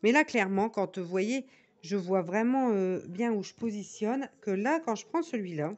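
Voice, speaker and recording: Woman vlogger, northern French accent, mid-pitched, loose chatty tutorial delivery with asides and restarts. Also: animated, normal speed, a little mellow, dull audio. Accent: northern French (Nord). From northern France. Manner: rambling, many fillers and restarts, chatty asides. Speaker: diamond painting vlogger. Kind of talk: casual tutorial chat to viewers.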